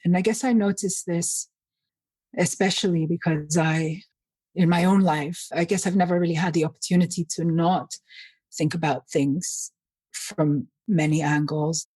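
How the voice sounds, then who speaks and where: A woman from Finland who grew up in Nigeria, speaking as a guest author in thoughtful, measured interview talk. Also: fairly low pitch, steady tone, a little mellow, no echo. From Finland, raised in Nigeria. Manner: thoughtful, measured, with some restarts.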